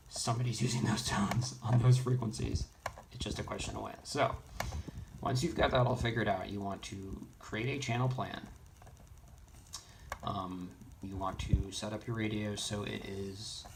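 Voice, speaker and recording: This male radio presenter leads a practical tutorial in a loose, casual style; his explanations wander, peppered with asides and frequent "you know"s. His voice is on the low side, gravelly and creaky, and the audio is clearly noisy with clicking and typing.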